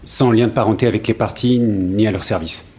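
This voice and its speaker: A man's voice: fairly low pitch, steady tone, brisk, darkish tone, lightly acted. An actor playing an earnest, slightly hesitant salesman in his thirties testifying in a courtroom audio drama. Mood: hesitant, polite. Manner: hesitant, earnest witness account. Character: grateful 35-year-old travelling salesman testifying in court.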